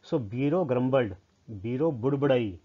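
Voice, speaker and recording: A man's voice: mid-range voice, expressive, unhurried. A man with a Punjabi accent, a teacher explaining a lesson to children word by word and asking them questions, on a slightly dull lo-fi recording.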